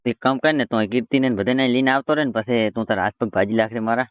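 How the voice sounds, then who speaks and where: A medium-pitched man races through his words in a dry recording. Taking a call as a roast video creator, he argues heatedly in a colloquial, stubborn, confrontational manner, and it comes through as tinny phone-line audio.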